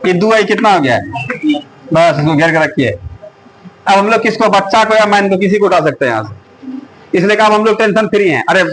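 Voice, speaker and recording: A man's voice: high-pitched, expressive, a little fast, a bit bright, slight background noise, poor audio. A man teaching a classroom math lesson, often stopping to ask the students whether they follow. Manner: coaxing, keeps asking the class if it is clear. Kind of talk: classroom lecture.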